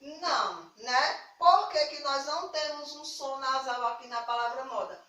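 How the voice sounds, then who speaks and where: A woman's voice: high voice, unhurried, pushed and bright, roomy sound, far from the mic, poor audio. A Brazilian woman teaching a remote lesson to young children, affectionate and patient, stressing key words. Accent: Brazilian Portuguese. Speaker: primary school teacher.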